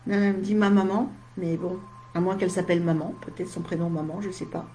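A woman speaks casually to her live-stream audience, replying to their comments in short, chatty asides. She sounds tired, and a slight head cold leaves her voice faintly husky and dry. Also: lowish voice, fairly even intonation, brisk, dark tone, a little hiss or hum. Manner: chatty, talks straight to viewers in short asides. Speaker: medium.

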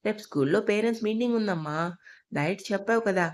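A woman's voice: medium pitch, fast talker, close to an everyday voice. A woman voicing an innocent little girl who keeps asking her mother questions in a Telugu audio story. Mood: curious. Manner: questioning, childlike.

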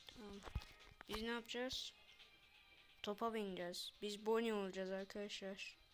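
A woman's voice: mid-range voice, fairly even intonation, normal speed, music in the background. A young woman chatting casually to viewers while she plays a game, muttering to herself between lines. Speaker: gamer vlogger. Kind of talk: casual gameplay commentary.

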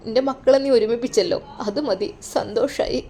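A woman voicing an elderly father who speaks quietly and gently in a spoken story. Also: a little high, fairly quick, slight background noise, lightly acted. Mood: quietly moved.

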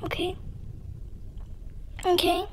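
A youthful gamer who makes gaming videos uses voice effects on his high-pitched voice, which comes across as fairly bright. He talks slowly in a monotone, giving casual and dramatic gameplay commentary with playful self-deprecation.

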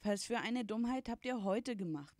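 A woman's voice: fairly high pitch, expressive, normal speed, darkish tone, dry recording, voice pushed up. A woman voicing a strict, reproachful middle-aged mother in a read-aloud storybook.

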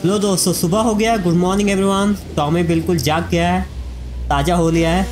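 Chatty high-voiced man narrating gameplay. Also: fairly even intonation, fairly quick, a little mellow. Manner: chatty, addresses viewers as friends. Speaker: gaming YouTuber. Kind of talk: casual let's-play commentary.

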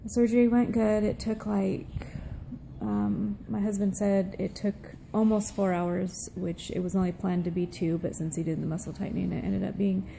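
A middle-aged woman talks casually into her phone, tired and weak after surgery. Her voice is very soft and mellow, with a flat melody and frequent vocal fry. There is faint room noise. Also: medium pitch, normal speed. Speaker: vlogger. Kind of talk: casual update to camera. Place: small room at home, seated indoors. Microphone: phone at arm's length.

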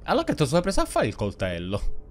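Animated Italian man mocking a ghost. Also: on the high side, fast. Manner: sarcastic, talks back to the ghost, animated. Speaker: gaming YouTuber. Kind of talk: horror game let's-play commentary.

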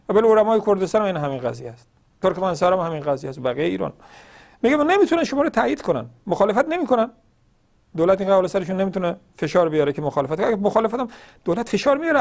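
A man hosts a religious call-in program and speaks with a high, lively voice that climbs and drops sharply. He argues with passion and throws out rhetorical questions. He acts out bits of dialogue as he goes. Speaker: religious TV host answering callers. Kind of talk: impassioned call-in religious talk.

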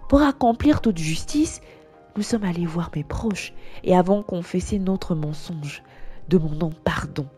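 Mellow woman telling a story. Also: fairly low pitch, unhurried. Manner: earnest, testimonial storytelling. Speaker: narrator. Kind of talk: scripted first-person story narration. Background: faint background music.

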